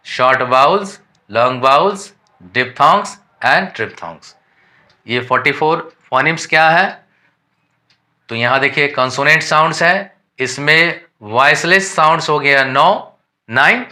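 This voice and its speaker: A man with an Indian accent teaching a lesson, reading English definitions slowly and explaining them in Hindi with questions to the learners. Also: on the high side, sharp tone.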